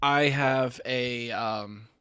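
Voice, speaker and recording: A man's voice: medium pitch, fairly even intonation, drawn-out words, bright, forceful tone, clean tone, no room sound, clean studio sound. Easygoing slangy man hosting a podcast. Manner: easygoing, slangy, says "bro" often. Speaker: podcast host. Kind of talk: casual chat.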